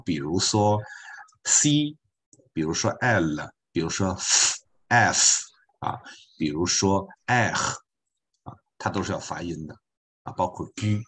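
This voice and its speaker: A low-voiced man with a husky, slightly rough tone teaches a beginner class over an online call. He talks patiently and conversationally, repeating key points and dropping in small asides as he goes. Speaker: volunteer French teacher.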